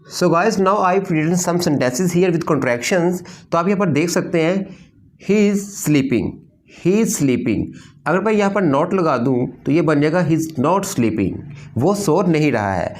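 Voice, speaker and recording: A man's voice: a little high, animated, slow. A man teaching an English grammar lesson, explaining patiently and repeating key points.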